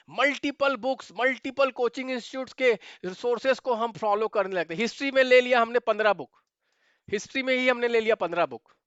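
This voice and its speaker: A male exam mentor with a high, bright, crisp voice. He talks emphatically and hammers his points home by repeating them. The sound is dry and a little dull. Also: no room sound. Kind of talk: direct-to-camera advice video.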